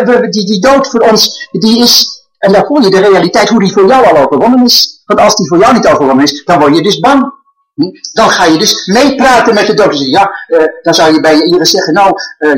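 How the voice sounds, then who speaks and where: An older man preaching a sermon. His voice sits a little high and has a husky, breathy grain. He tells stories earnestly and builds to emphatic proclamations. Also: low-quality recording.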